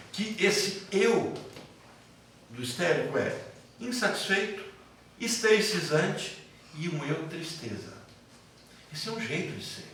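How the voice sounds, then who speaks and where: A man's voice: a little high, a bit bright, a little hiss or hum. Brazilian man with a light São Paulo interior accent teaching a class, anecdotal and repetitive, recorded from afar in a roomy hall. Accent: light São Paulo interior Brazilian Portuguese. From interior of São Paulo state, Brazil. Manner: conversational, repeats himself, tells anecdotes. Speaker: psychoanalysis teacher. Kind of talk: lecture to a class. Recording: echoey classroom from far off.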